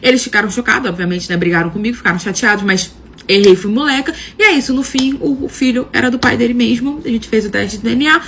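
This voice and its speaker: Fast-talking young woman telling a story. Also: a little high, a little hiss or hum. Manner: lively, dramatic retelling with quoted dialogue; frequent filler "não sei o quê". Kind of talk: casual first-person storytelling.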